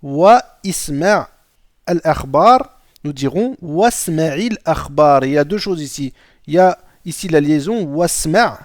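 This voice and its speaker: A man with a high voice gives a grammar lesson, reading example phrases aloud and repeating each one patiently. He talks unhurriedly and keeps checking that his students follow. The sound is close and dry. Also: expressive, dry recording. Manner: repeats Arabic examples slowly and checks understanding with "d'accord?". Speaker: Arabic teacher. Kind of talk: grammar lesson explaining Arabic pronunciation in French.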